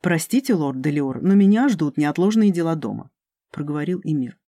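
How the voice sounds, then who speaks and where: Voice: medium pitch, lively intonation, mellow, no room sound, studio quality, close to an everyday voice. The audiobook narrator voicing a nervous male magic professor who apologizes in a hurry. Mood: apologetic. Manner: apologetic, hurried. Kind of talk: audiobook character reading.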